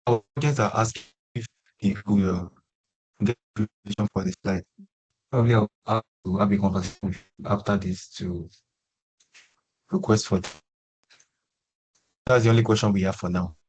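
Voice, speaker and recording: A man's voice: on the low side, steady tone, normal speed, long pauses, a little mellow, slightly rough, poor audio. Man on a breaking, weak call line. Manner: hesitant, apologetic, with fillers. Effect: weak, breaking call connection. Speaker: webinar moderator. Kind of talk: online meeting moderation. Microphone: remote video call.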